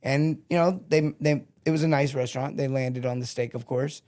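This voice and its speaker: Middle-aged male sales coach, lively storyteller, mid-range voice. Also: mid-range voice, moderate pace. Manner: animated storyteller, acts out quotes. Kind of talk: casual podcast interview.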